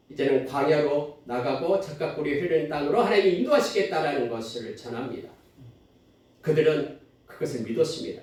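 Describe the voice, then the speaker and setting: A man's voice: on the high side, darkish tone. A male pastor preaching a sermon, telling the story with animation and acting out the quotes. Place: church sanctuary. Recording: echoey church hall, distant mic.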